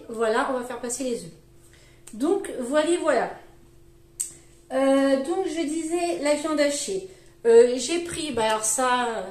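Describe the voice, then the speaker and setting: A middle-aged woman chatting casually to camera about her groceries, rambling with fillers and restarts, her voice shrill at times. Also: darkish tone, echoey room. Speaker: vlogger. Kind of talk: casual grocery haul chat.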